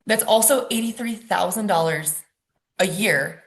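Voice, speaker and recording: A woman's voice: mid-range voice, unhurried. A woman, a mortgage lender, presenting a webinar over slides in a casual, chatty way with frequent ums and likes.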